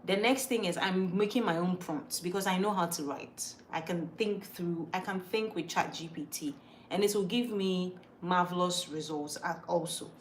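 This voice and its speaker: A Ghanaian woman hosts a livestream, chatting casually and reading viewer comments in a lowish voice at a moderate pace. Her accent is a mix from moving around, and she's emphatic, repeating words as she thinks aloud. The audio is poor, with slight background noise.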